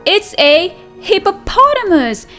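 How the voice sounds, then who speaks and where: A high, animated woman, a preschool teacher and read-aloud host, teaches young children in a sing-song way, using questions and repetition. It's an interactive children's read-aloud lesson with slow, faint music in the background.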